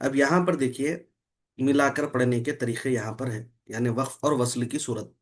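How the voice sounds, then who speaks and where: A man's voice: mid-range voice, moderate pace. A man teaching Quran recitation rules in an online lesson, patiently explaining step by step and quizzing his student.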